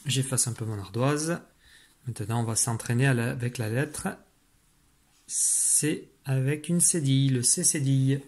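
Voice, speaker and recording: Measured and medium-pitched, with a darkish tone, a male teacher runs a spelling dictation for a primary pupil. He addresses the child directly and patiently breaks everything down.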